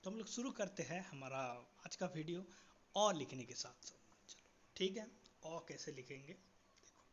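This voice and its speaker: A man's voice: a little high, lively intonation, a bit bright. Man teaching letters, dull lo-fi sound. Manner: asks quiz questions, slows down to spell out letters. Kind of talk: classroom-style writing lesson. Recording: dull lo-fi audio with faint background hiss.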